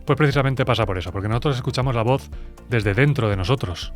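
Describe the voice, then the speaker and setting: A man with a Spain Spanish accent talks briskly through a recording lesson, addressing viewers directly. His pitch sits in an ordinary middle range, and soft music plays faintly underneath. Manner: brisk, chatty and explanatory, speaking straight to viewers. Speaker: music producer. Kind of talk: explainer video.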